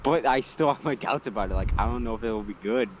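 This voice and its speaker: A young man co-hosting a podcast in casual chat, laughing often and quick to protest in disbelief. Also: mid-range voice, slight background noise, rough recording. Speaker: podcast co-host.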